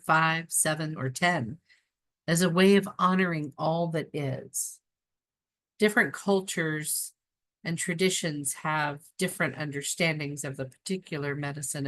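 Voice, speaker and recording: A woman with a notably low voice reads aloud from a spiritual book. Her delivery is calm and unhurried, and she breaks in now and then with casual, chatty asides.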